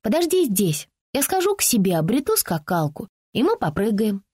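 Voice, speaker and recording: A woman's voice: mid-range voice, sing-song, normal speed, warm tone, husky, dry recording, clean studio sound. A woman reading an audiobook voices a small bookish girl who talks in a prim, old-fashioned way. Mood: earnest. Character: small bookish girl, earnest and easily hurt. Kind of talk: audiobook character voicing.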